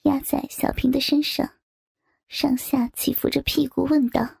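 High gravelly-voiced woman storyteller. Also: little pitch movement, moderate pace, darkish tone, dry recording, clean studio sound. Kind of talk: scripted narration of an erotic story. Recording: faint background music.

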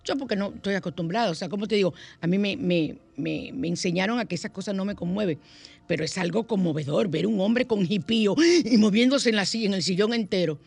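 Una mujer de mediana edad con acento caribeño da consejos en un programa de radio, contando historias con viveza y jugando con las voces. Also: female voice, medium pitch, fast, creaky, slightly rough, soft background music. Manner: lively, animated storytelling with playful voices. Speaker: radio host and counselor. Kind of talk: radio talk and advice. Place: radio studio.

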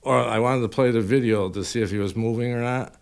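A man's voice: medium pitch, quick pace, vocal fry, clear, resonant tone. A man telling anecdotes in a casual, colloquial, rambling way as an interview guest. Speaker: guest paranormal investigator.

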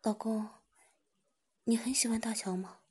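A woman voicing a gentle, caring young wife in a whispered role-play, soft and soothing. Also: a little high, steady tone, a little slow, slightly rough. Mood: gentle concern.

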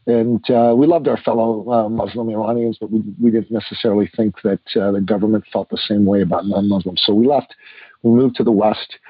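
This is a man in his fifties who grew up in Iran, speaking as a guest on a podcast. His voice sits low, and he tells his story earnestly, with many small "uh" fillers. The recording is dry and slightly muffled. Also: fairly even intonation, fairly quick, slightly rough, no room sound. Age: 50s. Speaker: guest, author. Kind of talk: podcast interview.

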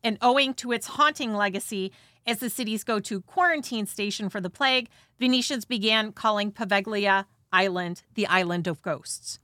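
A woman's voice: medium pitch, normal speed, fairly bright tone, dry recording, clean studio sound. A woman hosting and narrating from a script with casual, conversational asides and a dramatizing touch. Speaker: host.

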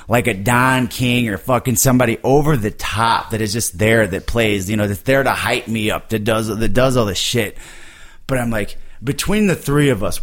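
A man who wrestles, hosting a podcast and chatting loosely about his ideas, swearing freely and laughing easily. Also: medium pitch. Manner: laid-back, swears a lot, laughs easily. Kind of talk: casual podcast chat.

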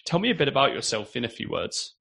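A man's voice: medium pitch, wildly swooping pitch, fast talker, gravelly, pushed and bright, husky. A man hosting an interview, friendly and casual, often restarting his sentences. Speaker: host.

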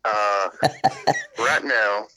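A man's voice: fairly low pitch, extremely slow, bright, forceful tone. A man calling in on a speakerphone as the host's son, giving brief, hesitant replies. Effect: heard over a speakerphone.

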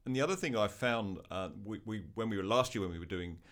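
A man hosting a conversational talk, relaxed with stumbling restarts. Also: lowish voice, fast talker. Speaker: host.

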